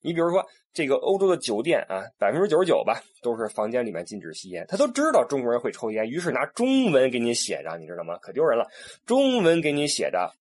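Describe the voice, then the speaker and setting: A man's voice: medium pitch, quick pace, hardly any pauses, slightly rough. A man, a tour guide telling stories in a casual monologue, with many restarts. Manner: animated, acts out quoted people, many restarts.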